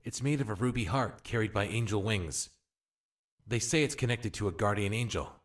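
A man's voice: lowish voice, moderate pace, natural voice. An actor playing a troubled, skeptical father in a horror game, speaking in a brooding inner monologue. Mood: reflective, skeptical.

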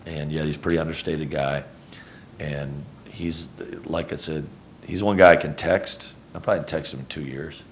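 In a press conference room, a middle-aged basketball head coach from Houston, Texas, responds to reporters after the game via a table mic on a stand. His delivery is rambling, self-correcting and low-key, with fairly even intonation and a moderate pace, plus a little hiss or hum.

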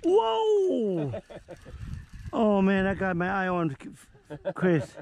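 A middle-aged fishing vlogger chats excitedly from a small boat outdoors, whooping and laughing at every catch, captured on an action camera. His gravelly voice sits high, and he draws out his words.

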